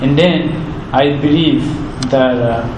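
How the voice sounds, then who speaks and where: In a muffled recording with a roomy echo and constant background noise, a young man with a mid-range voice gives heartfelt interview answers. A native Kinyarwanda speaker with a Rwandan accent, he speaks earnestly but haltingly, repeating words while searching for them.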